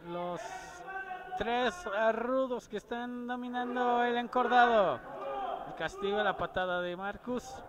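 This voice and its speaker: A man calling lucha libre live as a wrestling commentator, emphatic and often shouting in drawn-out phrases. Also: high voice.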